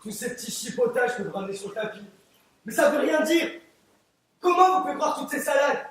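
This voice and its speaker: A teenage boy in an amateur stage play, acting a crude, hot-headed, bigoted male juror who rants and shouts. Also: very high voice, expressive, fairly quick, slight background noise. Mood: ranting. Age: teens. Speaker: student actor. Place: theatre stage, live performance. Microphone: distant room mic. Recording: echoey theatre from far off.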